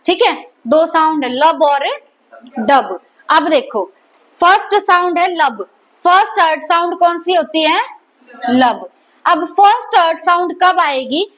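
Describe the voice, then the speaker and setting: A woman delivers a biology lecture in a classroom, her voice pitched high. She keeps checking the class with quick questions and repeats each answer back to them. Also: a bit bright, low-quality recording. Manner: quizzes students with repeated questions. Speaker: biology teacher.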